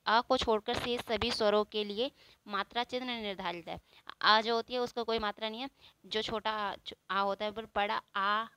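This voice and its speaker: Clear-voiced woman teaching a grammar lesson. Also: medium pitch, fairly bright tone, dry recording. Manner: explains step by step, asks and answers her own questions; drawn-out example sounds. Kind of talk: spoken Hindi grammar lesson.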